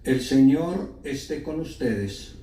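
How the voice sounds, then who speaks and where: A man, a priest, solemnly reading scripture in a measured, deliberate way, his voice carrying a cathedral echo. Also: mid-range voice, lively intonation, mellow, soft background music. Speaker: priest reading the Gospel at Mass. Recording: echoey church, cathedral-like echo, distant mic.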